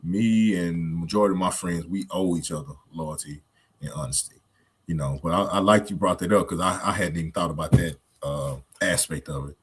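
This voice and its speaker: A man chatting casually as a co-host, thinking aloud in a relaxed way. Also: low-pitched, brisk, breathy edge. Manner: easygoing, thinking aloud with fillers. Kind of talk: casual chat.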